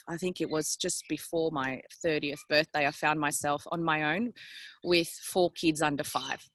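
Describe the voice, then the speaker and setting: A woman's voice: lowish voice, fairly bright tone, dry recording. A woman in her forties from El Salvador, telling her personal story in a candid, chatty, self-deprecating way over a headset from a public venue. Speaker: guest speaker. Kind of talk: personal story on a video call.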